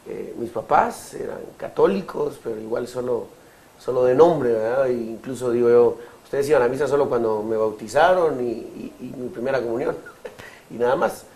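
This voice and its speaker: A Guatemalan man in his thirties giving his testimony in an interview, speaking haltingly with many fillers and restarts. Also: medium pitch, a little mellow, poor audio. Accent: Guatemalan Spanish. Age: 30s. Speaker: interview guest.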